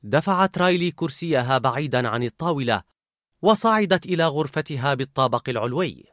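A man narrating a story in an expressive, animated way. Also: mid-range voice, brisk, no echo, clean studio sound.

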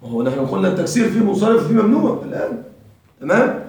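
A man's voice: high voice, sing-song, rapid-fire, darkish tone, slight background noise. A man teaching a classroom grammar lesson, quizzing his students and repeating their answers. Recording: very echoey room, voice from far off.

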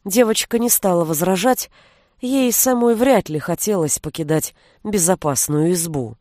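A woman reading a fantasy audiobook in steady, measured narration. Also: lowish voice, dry recording, clean studio sound. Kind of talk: scripted narration.

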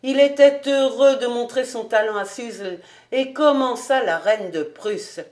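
A woman reading a classic novel aloud as a volunteer audiobook narrator, in a calm, even storytelling manner. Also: on the high side, unhurried. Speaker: audiobook reader.

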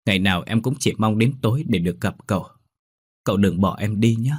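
Man reading a lovesick young wife in a ghost story, soft pleading, low husky voice. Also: a little fast, no room sound, clean studio sound. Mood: longing. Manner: tender, pleading.

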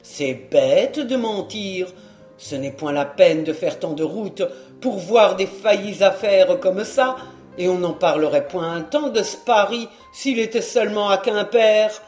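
A man voicing a clumsy, devoted rustic manservant who talks in loud exclamations and peasant oaths. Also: a little high, lively intonation, moderate pace, soft background music, pitched below the performer's own voice, natural voice. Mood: scornful. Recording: roomy echo.

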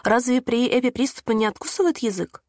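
A woman's voice: on the high side, a little fast, dry recording, clean studio sound, lightly acted. Woman voicing a refined, curious lady bystander. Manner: curious, gentle questioning.

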